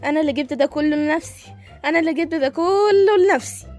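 An actress playing a coaxing young granddaughter with an Egyptian accent in a comedy sketch. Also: female voice, sits high, quick pace, over music, natural voice. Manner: coaxing, teasing, patient.

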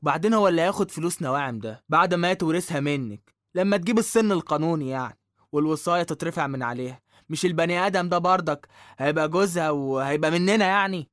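A man's voice: fairly high pitch, animated, racing, fairly bright tone, dry recording, clean studio sound. A man with an Egyptian accent playing a put-upon, cheeky young working-class son in a drama, slangy and complaining. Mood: exasperated. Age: young adult. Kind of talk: dramatic dialogue.

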